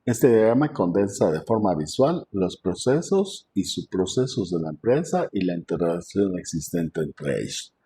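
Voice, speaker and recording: A male professor teaches over a video call in a mellow, low-pitched voice. He talks conversationally, with lots of fillers, and often clears his throat. A faint hiss sits under his voice. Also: very animated, moderate pace, hardly any pauses. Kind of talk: online class lecture.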